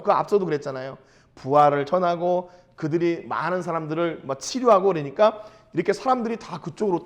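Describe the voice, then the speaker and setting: A man preaching a sermon as pastor. He retells scripture in casual speech and keeps asking the listeners rhetorical questions. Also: on the high side. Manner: storytelling with frequent rhetorical questions.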